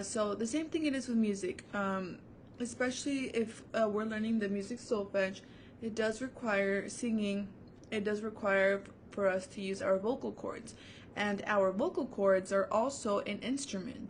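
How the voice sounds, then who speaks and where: A young adult woman leads a children's music lesson from home, upbeat and encouraging. She talks at a middling pitch, easygoing, with plenty of "uh"s and "so"s. A faint low rumble sits behind her voice on the camera mic. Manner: upbeat, encouraging, many fillers. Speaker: music teacher. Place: seated at home before her own camera.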